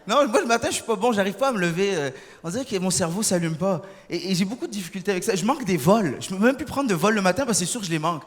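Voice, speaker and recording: Rapid, high-voiced comedian. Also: male voice. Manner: animated, bursts into shouted impressions. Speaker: stand-up comedian. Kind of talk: stand-up comedy set. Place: large theater stage. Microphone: stage microphone. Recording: reverberant hall, faint audience noise.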